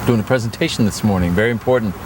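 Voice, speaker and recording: A man's voice: on the low side, very fast, noisy background, close to an everyday voice. A man playing a flustered young driver who is lost and nervous about a presentation. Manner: anxious, flustered.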